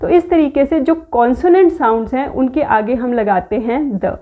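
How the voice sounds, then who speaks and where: High-voiced Indian woman teaching, phone-thin audio. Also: animated, normal speed, phone-quality sound. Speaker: English teacher. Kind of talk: explaining in a Hindi-English mix, slowing down for example words.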